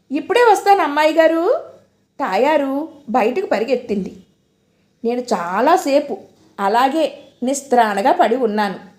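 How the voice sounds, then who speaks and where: A woman narrating a novel in the first person with expressive storytelling. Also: sits high. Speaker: audiobook narrator.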